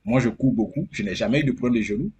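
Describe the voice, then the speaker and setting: Earnest husky man. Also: medium pitch, racing, a little mellow. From Côte d'Ivoire. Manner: earnest, repeats phrases for emphasis. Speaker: interview guest. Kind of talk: casual interview.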